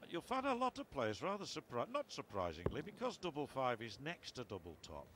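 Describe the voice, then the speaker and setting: Man, mid-pitched voice, darts commentary, conversational asides, clearly noisy background. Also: huge pitch swings, a little fast. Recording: clearly noisy broadcast with arena ambience.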